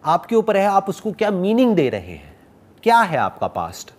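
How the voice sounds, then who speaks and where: A man giving a motivational talk and answering audience questions, animated and playfully teasing, mixing English phrases into Hindi. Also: high-pitched, moderate pace.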